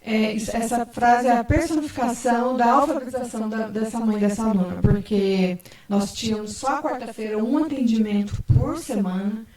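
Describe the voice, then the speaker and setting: A woman's voice: on the high side, normal speed, hardly any pauses, darkish tone. A woman special education teacher telling a story on a panel talk, with many fillers. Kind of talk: panel talk show answer. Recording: echoey room, far from mic.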